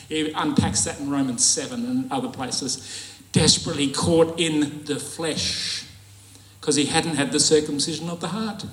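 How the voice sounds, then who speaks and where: A man's voice: a little high, unhurried, a bit bright, echoey room, rough recording. A man preaching a sermon in a conversational, jokey way and laughing at his own asides.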